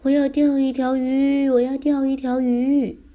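A woman voicing an excitable little boy who chants eagerly while he fishes, in a children's story reading. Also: high voice, moderate pace, dull audio, pitched above the performer's own voice.

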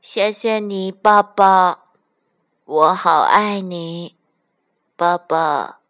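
A woman voicing a clingy, eager baby duckling for a storybook, calling out loudly and eagerly. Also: on the low side, extremely slow. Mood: sweet pleading.

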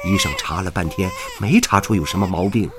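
A man's voice: sits low, wildly swooping pitch, a little fast. An actor playing a kindly older station policeman, flustered and sighing as he coaxes a crying baby in a radio drama. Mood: weary, fretful. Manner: fussing and coaxing, sighing exclamations.

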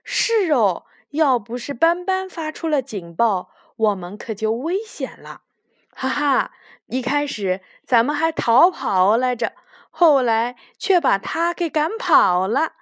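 A woman voicing a group of little bunnies speaking together in a bright, chirpy voice. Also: sits high, very animated, slow pace, no room sound, studio quality, full character voice. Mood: proud.

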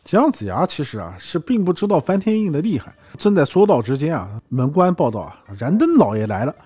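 Male podcast co-host, jokey dramatic storyteller, slightly high, husky. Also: big pitch swings, a little fast, mellow, dry recording.

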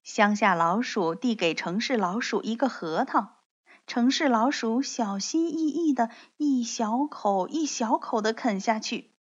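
A woman reads a children's story aloud, slow and gentle, speaking straight to her young listeners. Her voice sits a little high, and the recording sounds dull and lo-fi. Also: lively intonation, slightly rough.

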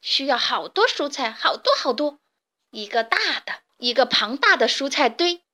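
A woman voicing a clever, excitable young hen in a children's audiobook, talking in an eager, loud, quick-fire way. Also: high-pitched, exaggerated voice. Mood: excited.

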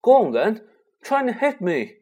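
A man's voice: very high voice, moderate pace, a little mellow, voice pushed up. A man voicing a nervous but defiant schoolboy in a raised, flustered voice.

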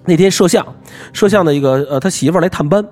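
A man hosting a podcast, telling ghost stories as an animated storyteller with lots of fillers, in a small recording room. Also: on the high side, quick pace, faint music behind. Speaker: podcast host.

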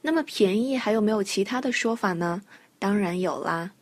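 A woman teaching English vocabulary in a podcast lesson, explaining and spelling out words patiently and clearly. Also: medium pitch, lively intonation, moderate pace, loud music behind the voice.

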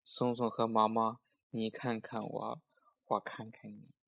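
A man reading a children's story aloud in a clear, storytelling manner. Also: on the low side, level tone, a little slow, fairly bright tone.

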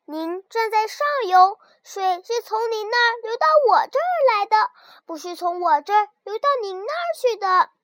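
A woman voicing a timid, polite young lamb in a children's storybook, speaking up in a high, pleading voice. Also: animated, moderate pace, no room sound, studio quality. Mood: earnest pleading.

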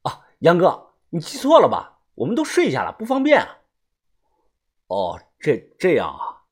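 A man's voice: mid-range voice, big pitch swings, normal speed, darkish tone, slightly rough. A man voicing a nervous hired guide in an audiobook, stammering and full of hesitations. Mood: anxious. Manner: stammering with many fillers.

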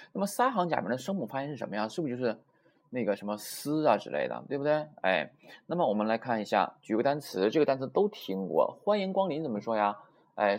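Husky, animated male language teacher. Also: medium pitch. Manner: emphatic, drills words by repeating them. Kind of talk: classroom lesson.

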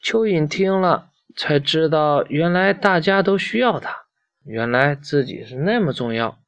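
Slow man reading a children's story. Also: fairly high pitch, expressive, fairly bright tone, no echo.

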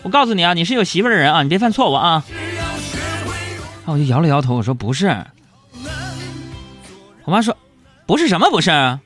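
Lively young man. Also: a little high, fast, pauses often, soft background music. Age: young adult. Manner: joking, animated storyteller who acts out arguments. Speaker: live stream show host. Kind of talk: comic storytelling monologue. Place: broadcast studio.

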